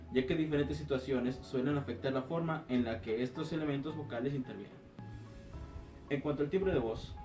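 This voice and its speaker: A man's voice: medium pitch, darkish tone. Man, class presentation, explanatory, echoey room, far from mic, background music. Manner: explanatory, with fillers and restarts. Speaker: student presenter.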